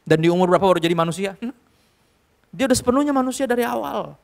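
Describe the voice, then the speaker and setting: High-voiced preacher man. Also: quick pace, gravelly. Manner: lively, switching into English, joking with the crowd. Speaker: youth pastor. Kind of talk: sermon. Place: church hall with a live audience.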